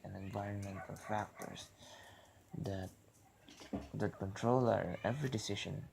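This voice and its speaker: A man with a very creaky, lowish voice delivers a rambling philosophical rant. He talks casually and haltingly, circling back and repeating his phrases as he goes. The recording is clearly noisy. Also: a little mellow. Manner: halting, repetitive, self-interrupting. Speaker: vlogger.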